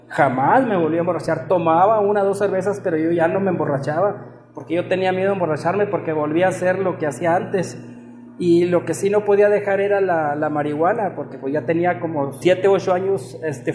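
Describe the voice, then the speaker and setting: A man recounts his conversion in an earnest, reflective personal testimony. His voice sits high but sounds mellow and soft-edged. The room around him is echoey. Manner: earnest, reflective storytelling, often quoting himself. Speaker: former musician giving a conversion testimony.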